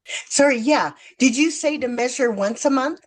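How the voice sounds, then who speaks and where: A woman's voice: high-pitched, moderate pace. A woman in a support group politely asking a brief question on a call. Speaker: group member.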